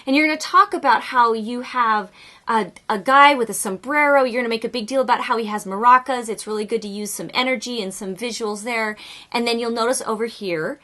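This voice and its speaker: Middle-aged woman vlogger, higher pitch, bright and forceful tone, upbeat and emphatic, casual explainer. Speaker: homeschool video host.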